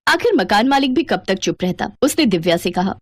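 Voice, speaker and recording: A woman narrating a moral story for a cartoon in a dramatic, expressive way. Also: mid-range voice, brisk, slightly rough, dry recording.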